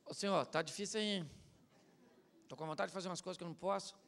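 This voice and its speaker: Male pastor, high and bright, preaching animatedly in a reverberant church hall. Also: fast. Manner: animated, mimics others, swings from shouting to muttering. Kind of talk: humorous evangelical sermon.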